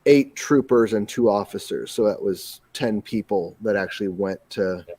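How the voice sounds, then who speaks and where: Dry-sounding podcast host, detail-minded. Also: male voice, lowish voice, moderate pace, a little mellow, slightly rough, no room sound. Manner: enthusiastic, detail-focused, laughs easily. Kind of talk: casual chat.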